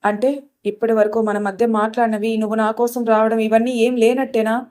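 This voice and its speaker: A woman's voice: fairly high pitch, flat delivery, a little fast, darkish tone, close to an everyday voice. A woman voicing a young woman in love who pleads emotionally with the man she wants to marry. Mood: pleading.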